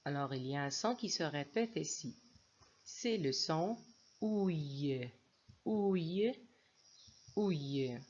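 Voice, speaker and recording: A woman teaching young children to read in a phonics lesson, spelling each word out letter by letter in a slow, deliberate way. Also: low voice, animated, highs cut off. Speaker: reading teacher.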